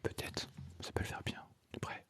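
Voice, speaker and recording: A man hosting a soft-spoken ASMR live stream, whispering close to the mic and greeting viewers by name. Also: normal speed. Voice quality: deep low voice. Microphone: close sensitive microphone.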